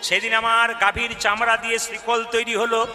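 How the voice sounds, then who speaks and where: A man's voice: very high-pitched, monotone, normal speed, sharp tone, in a large hall, soft background music. A man telling a devotional story as a kirtan singer, speaking straight to the women listening and acting out the figures' voices. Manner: addresses the women in the audience, asks them to answer aloud.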